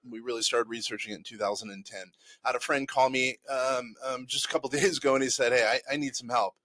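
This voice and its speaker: A man's voice: mid-range voice, fairly even intonation, quick pace, a bit bright, no room sound. Chatty man giving casual business advice. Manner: conversational, rambling with many restarts and fillers. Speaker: host. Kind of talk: casual advice talk to camera.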